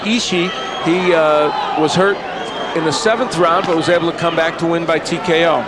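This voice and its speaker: A man with a fairly high voice analyses a boxing match live from ringside. His delivery is measured and a little hesitant, with a very noisy crowd all around. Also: fairly even intonation. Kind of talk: live sports commentary. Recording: loud arena crowd, heavy background noise.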